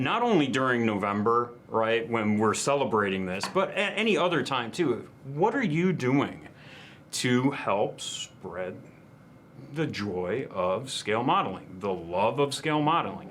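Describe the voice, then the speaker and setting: A man's voice: medium pitch, big pitch swings, moderate pace, a bit bright, slight background noise. A man co-hosting a hobby video show, chatting casually and drifting into playful wordplay. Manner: chatty, wordplay and rambling asides. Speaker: co-host. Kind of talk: casual chat.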